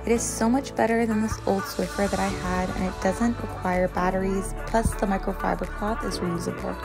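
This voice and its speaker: A young woman in late pregnancy, chatting casually as she shows items one by one in a vlog. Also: medium pitch. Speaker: vlogger. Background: background music.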